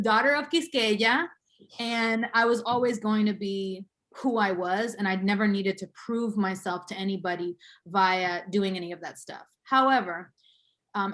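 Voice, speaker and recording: As an interview guest, this thirtysomething woman from Boston recounts her life in a reflective way, filling her speech with fillers and small laughs. Her voice sits in the mid-range with a fairly bright tone.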